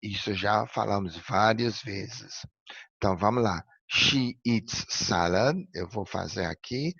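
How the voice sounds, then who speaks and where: A man from Brazil teaching an English lesson with unhurried, patient explanations. His low, gravelly voice sounds a little husky. The recording is dry and dull, with a slightly lo-fi sound. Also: fairly bright tone, no echo. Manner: patient, step-by-step explaining, frequent "ok?" checks.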